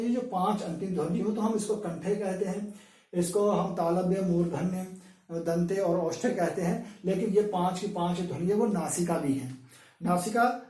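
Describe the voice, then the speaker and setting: Male lecturer, high voice, patient demonstrating delivery, distant mic in a roomy space. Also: mellow. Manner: slow, drawn-out demonstration of sounds with fillers. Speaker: Hindi lecturer. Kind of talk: classroom-style pronunciation lesson. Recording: echoey room, voice from a distance.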